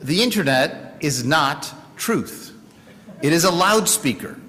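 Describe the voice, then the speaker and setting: A man in his late forties giving a sermon as a rabbi, measured and wry, with dry jokes. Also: a little high, lively intonation, pushed and bright, big-room sound, slight background noise.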